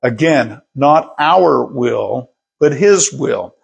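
A slow, unhurried male pastor with a gravelly, husky voice, preaching in a relaxed conversational way. He is middle-aged, repeats words now and then, and reads scripture aloud between his own comments. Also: medium pitch. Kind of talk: sermon.

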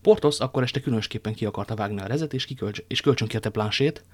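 A man's voice: lowish voice, darkish tone, dry recording. A man reading a novel aloud as narrator, now and then stumbling and restarting. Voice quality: slips and restarts while reading. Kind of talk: audiobook reading.

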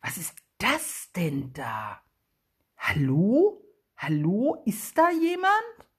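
Eine Frau spricht einen frechen, abenteuerlustigen kleinen Jungen, der laut und aufgeregt quiekt. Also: female voice, medium pitch, drawn-out words, husky, heavily acted. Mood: frightened. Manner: loud, excited and squealing when disgusted. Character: cheeky adventurous young boy.

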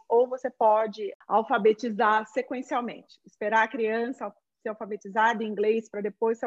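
A Brazilian woman teacher speaks in a fairly high voice, explaining her views in an animated way, with lots of restarts and little acted-out quotes of parents. The sound is dull and lo-fi, like a muffled video-call line. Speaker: Portuguese teacher and children's author. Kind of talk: conversational interview answers. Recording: dull lo-fi audio.

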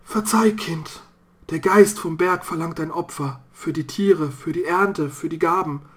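A narrator voicing a grieving, guilty old father who speaks slowly and solemnly. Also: medium pitch, pitched above the performer's own voice, close to an everyday voice. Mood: grave.

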